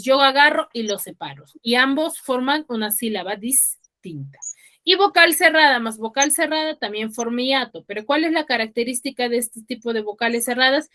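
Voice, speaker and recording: Bright, higher-voiced woman teacher, patient step-by-step explainer, video-call lesson. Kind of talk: online class lecture.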